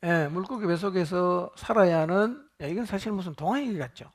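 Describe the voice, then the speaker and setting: Male pastor, fairly high voice; interactive Bible study sermon, asks the room questions and jokes. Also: fairly quick.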